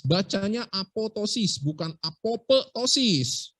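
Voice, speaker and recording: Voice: medium pitch, fairly bright tone, no room sound. A medical school lecturer giving a casual, playful lesson and often asking the class rhetorical questions.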